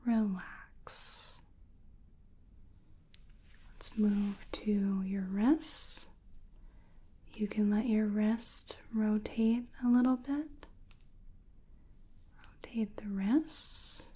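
Young woman doing whispered role-play, super slow and breathy, soothing clinic exam stuff, close to the mic. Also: mid-range voice, mellow. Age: 20s. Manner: soothing, slow guided relaxation instructions. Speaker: ASMR performer playing a sleep clinician.

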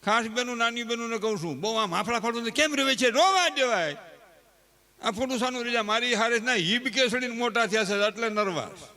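Give me a male folk storyteller, high-pitched and teasing, full of homely sayings. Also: brisk, pushed and bright. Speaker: folk speaker. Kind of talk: humorous folk storytelling to a live audience.

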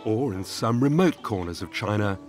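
Man narrating a documentary over soft music. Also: fairly low pitch, animated, moderate pace.

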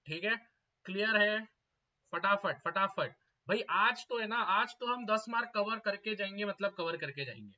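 A young man teaching a live exam-prep class, repeating each question and urging students to answer fast. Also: high-pitched, pushed and bright. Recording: slightly dull lo-fi audio.

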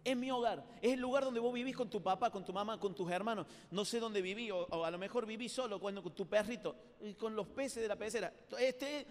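A man's voice: high voice, a little fast, hardly any pauses. A man with an Argentine accent preaching a live sermon to a youth congress, telling stories in a chatty, colloquial way and addressing the audience directly. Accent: Argentine Spanish. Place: large hall at a youth congress. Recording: reverberant live hall recording.

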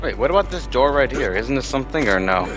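A man's voice: medium pitch, sing-song, fast talker. A man chatting casually with teammates during a co-op video game. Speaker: co-op gamer. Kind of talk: casual gameplay chat. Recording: loud game music and gunfire behind. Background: loud video game music and gunfire.

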